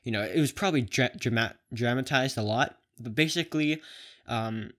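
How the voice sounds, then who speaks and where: A man's voice: medium pitch, a bit bright. A young man from Canada talking casually to camera, with a lisp and whistling s, rambling and often correcting himself. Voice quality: lisp with whistling s from plastic braces. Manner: rambling, halting, self-correcting. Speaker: video blogger.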